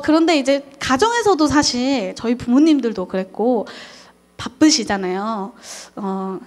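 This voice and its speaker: A young woman who teaches at a daycare, lecturing parents on how to talk with children and acting out quoted parent and child lines. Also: fairly high pitch. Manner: frequent "어" fillers, talks straight to parents.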